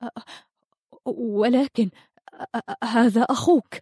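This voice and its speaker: A woman's voice: mid-range voice, animated, moderate pace, mellow, slightly rough, dry recording, clean studio sound. A woman voicing an anxious young mother and queen who speaks in a muffled, trembling way. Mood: fearful.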